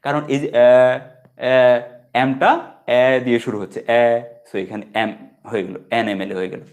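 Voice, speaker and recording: In a relaxed, informal English grammar lesson, a man with a Bengali accent patiently repeats example words and keeps checking in with "okay." His voice sits fairly low and he talks at a normal speed.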